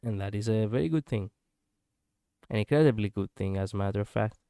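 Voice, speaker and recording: Speaking fairly quickly in a warm, resonant, fairly low voice, a VTuber streamer muses casually and pokes fun at his own mistakes. The sound is clear and studio quality, with no echo.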